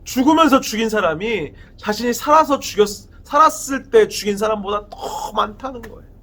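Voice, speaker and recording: A man's voice: high voice, lively intonation, normal speed, a bit bright. A man giving a sermon to a youth group, retelling a Bible story dramatically and asking his listeners questions. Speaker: youth pastor.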